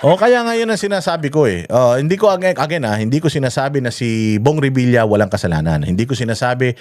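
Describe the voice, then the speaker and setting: A man's voice: mid-range voice, animated, fast talker, darkish tone, dry recording. A man with a Filipino accent delivering heated, profane political commentary straight to his viewers. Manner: angry, profane, addresses viewers as bossing.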